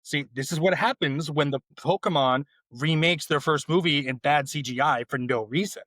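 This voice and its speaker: A man co-hosting a casual podcast, telling long, rambling stories with self-deprecating asides. His voice sits a bit high for a man. It is recorded close and dry. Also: moderate pace, fairly bright tone, no echo. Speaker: podcast co-host.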